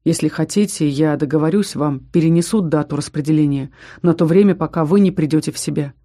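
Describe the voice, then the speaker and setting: A composed, commanding king who never raises his voice, as a woman reads him. He sounds certain of every word, with a warm, mellow tone. The delivery is that of an audiobook storyteller. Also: low voice, brisk. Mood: firm. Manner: steady, assured speech. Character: commanding male king, calm and firm.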